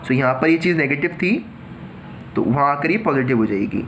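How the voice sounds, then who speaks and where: A man's voice: a little high, expressive, fairly quick, noisy background. A man teaching a math lesson, explaining step by step and mixing Hindi with English, often asking a question and then answering it himself. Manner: addresses students as children, asks and answers his own questions.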